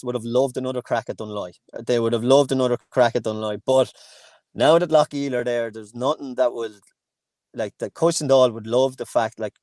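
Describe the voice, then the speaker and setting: A man's voice: medium pitch, a little mellow, dry recording. A man from Kilkenny with an Irish accent, chatting casually as a podcast guest, rambling with many restarts and fillers. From Ireland, Kilkenny. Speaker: guest, hurling coach in Antrim.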